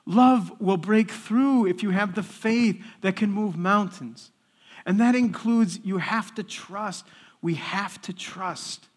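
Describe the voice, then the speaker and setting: A man studying for the priesthood, telling a lively story in church as a testimony talk. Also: sits high, slow. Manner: lively storyteller, animated quoted voices. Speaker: seminarian speaking in church.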